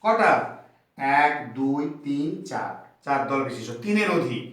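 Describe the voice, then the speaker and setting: A male teacher giving a beginner grammar lesson, sounding out words slowly and counting syllables. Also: mid-range voice, sing-song, fairly bright tone. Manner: slow, clear syllable counting. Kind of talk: tutorial lesson. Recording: very echoey room, mic far off.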